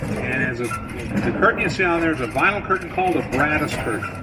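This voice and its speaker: A man guiding visitors through an underground mine, his voice played over the tour train's loudspeakers, explaining plainly and patiently with a few filler words. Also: animated, fast talker. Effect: voice played over a train car's loudspeakers. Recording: distant, noisy speaker sound with vehicle rumble.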